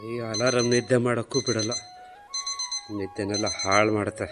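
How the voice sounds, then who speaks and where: A man's voice: lowish voice, steady tone, normal speed, loud music behind the voice, close to an everyday voice. An actor playing a sleepy office worker in a radio drama, musing to himself and then explaining to his wife. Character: sleepy office-going man remembering a promise.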